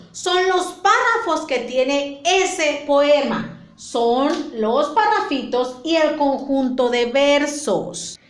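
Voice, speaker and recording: A woman's voice: sits high, echoey room. A woman with a Mexican accent teaching children a lesson, patient and explaining step by step. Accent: Mexican Spanish. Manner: patient, explains step by step, repeats points with diminutives.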